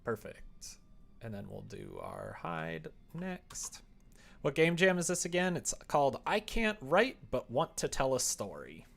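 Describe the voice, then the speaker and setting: This man's medium-pitched, gravelly, fairly bright voice swoops wildly in pitch and moves a little slowly as he develops a visual novel on stream. In casual chat he thinks aloud, mutters coding instructions to himself, and replies to viewers, with faint background noise and typing audible.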